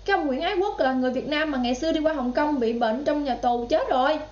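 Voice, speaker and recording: A woman's voice: high voice, fast, darkish tone. A woman with a Southern Vietnamese accent giving political commentary in a vlog, indignant and talking straight to her viewers. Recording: roomy, slightly dull sound.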